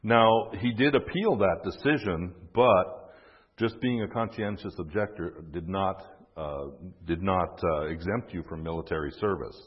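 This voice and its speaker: A man's voice: low voice, a little slow, husky. A man narrating history in a casual way, with fillers and self-deprecating asides. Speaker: history storyteller. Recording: dull, echoey recording.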